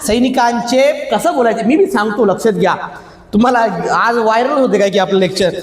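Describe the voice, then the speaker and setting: A man's voice: sits high, brisk. A male teacher with a Vidarbha Marathi accent, running a call-and-response grammar lesson with a class, teasing and scolding playfully and stretching out key words. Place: classroom with students. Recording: echoey classroom, faint room noise.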